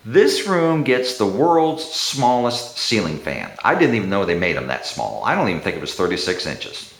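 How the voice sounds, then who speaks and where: A man tells a family story to the camera in a bare room that rings with echo. His voice sits fairly low but swoops around a lot. He rambles, chuckles, and gets animated when he quotes people. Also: normal speed, creaky. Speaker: homeowner documenting a room.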